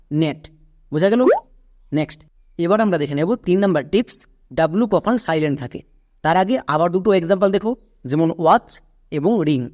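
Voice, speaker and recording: A man's voice: high-pitched, a little mellow. A man teaching English phonics step by step, patiently asking questions and answering them himself. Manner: patient, asks and answers his own questions. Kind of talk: step-by-step classroom explanation.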